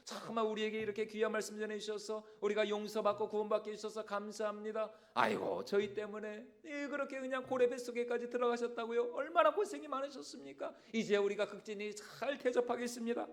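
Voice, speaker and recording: A man's voice: high-pitched, flat delivery, fast talker, few pauses, voice pushed up. A man, the preacher, acting as a grateful townsman who lavishly thanks a visiting prophet. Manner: effusive, fawning thanks.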